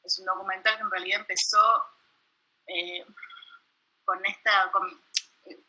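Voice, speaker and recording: A young woman with a Buenos Aires accent, a documentary filmmaker giving an informal, self-deprecating talk over a video call, halting with many restarts. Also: mid-range voice, flat delivery, pushed and bright, rough recording. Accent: Buenos Aires Spanish. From Buenos Aires, Argentina. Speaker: documentary filmmaker presenting her work.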